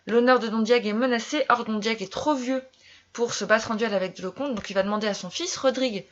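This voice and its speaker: A woman's voice: on the high side, fast, lo-fi sound. A woman teacher giving a classroom lesson, repeating key terms and quizzing her pupils as she explains. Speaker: French literature teacher.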